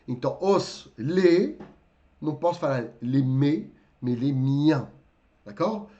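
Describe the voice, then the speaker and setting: Lively hoarse-ish male teacher. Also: fairly high pitch, slow pace, muffled recording. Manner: lively, addresses viewers as "gente", frequent "tá?" check-ins. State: slightly hoarse, coughing a little. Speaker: French teacher. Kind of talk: live online lesson.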